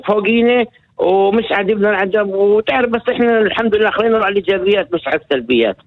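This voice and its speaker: A man's voice: high voice, racing. A man, calling into a radio show as a guest, rambling with many restarts and repeated words. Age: 50s. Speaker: phone-in guest, retired colonel. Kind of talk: phone-in radio interview. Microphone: telephone. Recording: tinny phone line.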